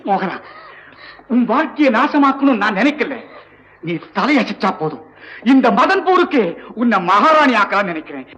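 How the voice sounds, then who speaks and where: A man's voice: very high-pitched, big pitch swings, moderate pace, pauses often, fairly bright tone, highs cut off, slight background noise, exaggerated voice. An actor playing a commanding, domineering king in old film dialogue. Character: commanding, lustful middle-aged king.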